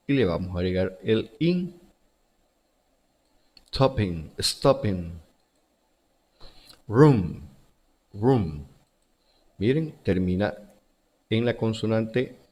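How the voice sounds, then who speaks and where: Slow, husky male teacher. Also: lowish voice, darkish tone. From Central America. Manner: slow, repeats each word and rule, stresses English examples. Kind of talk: recorded school lesson.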